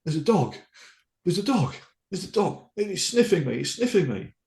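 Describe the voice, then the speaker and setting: A man's voice: high voice, very animated, moderate pace, creaky, darkish tone, reverberant, pitched above the performer's own voice, heavily acted. A man voicing an older woman who is reliving a toddler memory in a childlike, panicked way. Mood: alarmed.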